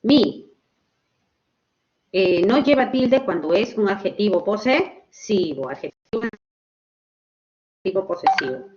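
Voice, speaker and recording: A woman teaching a grammar lesson online, explaining slowly and checking in with her students. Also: mid-range voice, expressive, a little mellow, highs cut off. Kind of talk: online class lecture.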